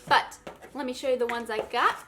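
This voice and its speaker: A woman's voice: high voice, steady tone, a little fast, bright, forceful tone, soft background music. A young woman in her twenties chatting casually to camera in a beauty vlog, bubbly and filling her talk with "like". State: out of breath. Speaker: beauty vlogger.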